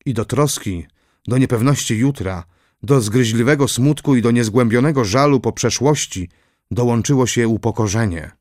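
A man reading a historical novel aloud as an audiobook narrator, in a measured, solemn way. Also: medium pitch, darkish tone, no room sound, clean studio sound.

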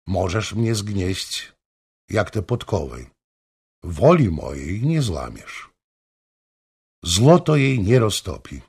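Casting: a man doing a firm, determined woman in an audiobook, low and hushed, slow, husky. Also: exaggerated voice. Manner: low, quiet, steady. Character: brave resolute young woman, calm and firm.

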